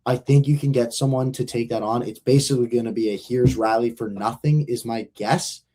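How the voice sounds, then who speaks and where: A man's voice: mid-range voice, fairly even intonation, a little fast, dark tone. A young man hosting a podcast, chatting casually in a rambling, slangy and profane way. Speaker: podcast host. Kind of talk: casual chat.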